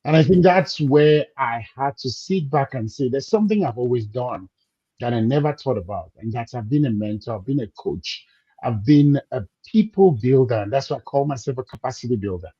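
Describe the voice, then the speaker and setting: A man, a business coach speaking as a guest, measured and reflective, slowing down to stress his points. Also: medium pitch, expressive, dark tone, husky, dry recording, muffled recording. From Cameroon. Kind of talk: conversational interview.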